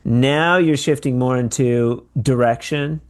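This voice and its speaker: A man hosting a podcast in casual conversation, encouraging and thoughtful, with a halting delivery. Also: mid-range voice, smooth. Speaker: podcast host.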